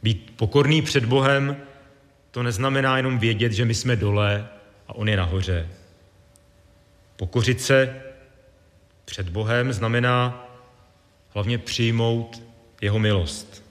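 A man preaching a sermon in a measured, deliberate way with pauses. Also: medium pitch, steady tone. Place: church. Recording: long reverb of a church.

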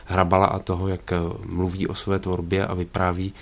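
Deep flat guy hosting a radio culture show, lots of ums. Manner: hesitant, many fillers. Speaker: radio presenter.

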